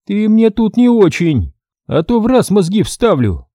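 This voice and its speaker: A male reader voices a rude, indignant brunette woman. She scolds in a high, piercing voice that leaps around wildly. The sound is close and completely dry. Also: sing-song, unhurried, dark tone, no room sound, exaggerated voice. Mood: scolding. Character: stately brunette woman, shrill, rude, quarrelsome.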